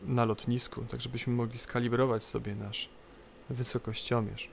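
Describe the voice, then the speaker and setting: A man presenting an unscripted game tutorial, explaining step by step in a halting way and repeating phrases. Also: mid-range voice, little pitch movement, vocal fry. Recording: light background noise, game cockpit ambience. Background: flight simulator cockpit ambience.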